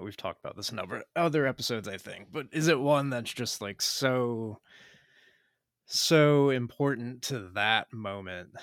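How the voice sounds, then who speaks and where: Lower-voiced man asking rambling questions. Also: gravelly, a bit bright, no room sound, clean studio sound. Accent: Pennsylvania. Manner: rambling, full of fillers, questioning. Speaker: podcast co-host. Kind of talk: casual film discussion.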